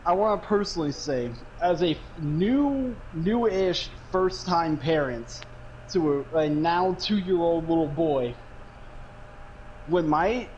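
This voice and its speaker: A man's voice: fairly high pitch, dull audio, a little hiss or hum. A young man co-hosting a podcast, chatting casually, rambling, swearing and laughing often. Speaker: podcast co-host. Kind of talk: casual chat.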